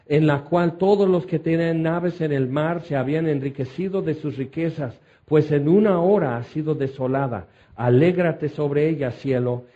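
A man's voice: on the high side, warm tone, dull audio. A man preaching a Bible teaching sermon, reading scripture and adding conversational asides to his listeners.

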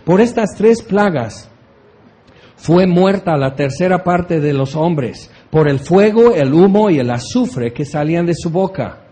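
A man teaching a Bible passage as a preacher, chatty and animated, often slipping into mock voices. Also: fairly high pitch, measured pace.

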